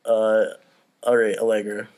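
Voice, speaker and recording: A man's voice: fairly low pitch, monotone, measured pace, a little mellow. A man co-hosting a comedy podcast, chatting bluntly and offhandedly between table-read scenes and swearing freely. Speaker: podcast co-host and narrator. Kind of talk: casual chat and table-read narration.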